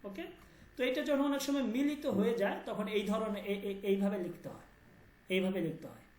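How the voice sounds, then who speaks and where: A man's voice: high-pitched, animated, fairly quick, darkish tone. A man teaching an online language class, patiently repeating sounds and checking that students understand. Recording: roomy echo.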